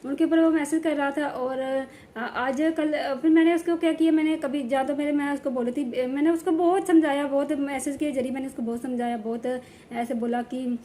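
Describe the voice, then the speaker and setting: High-voiced, chatty woman vlogger. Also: fairly even intonation, fairly quick, warm tone, a little hiss or hum. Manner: chatty and rambling, ending points with "theek hai". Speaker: home vlogger and mother. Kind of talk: casual vlog chat to viewers. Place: at home.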